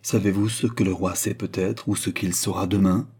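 A man's voice: sits low, fairly even intonation, moderate pace, darkish tone, husky. A man reading the part of a desperate, jealous young nobleman in an audiobook, speaking urgently. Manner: urgent, pleading.

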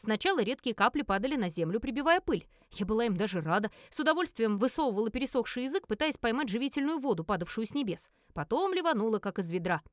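Woman narrator for a first-person audiobook: animated, fairly high, dry close sound. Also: fast, few pauses, dry recording. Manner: expressive, lively storytelling.

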